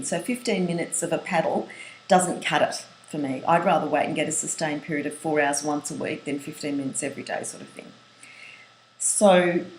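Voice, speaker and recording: Low-voiced woman teaching a writing webinar. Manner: earnest, lists points, restarts phrases. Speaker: writing coach. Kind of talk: webinar lesson. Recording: roomy echo, faint hiss.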